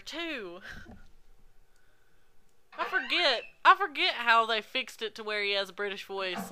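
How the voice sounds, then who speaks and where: A woman with a fairly high voice gives casual, giggly commentary while she plays, gushing like a fan. She talks slowly and loosely, with game music playing behind her. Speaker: let's play host.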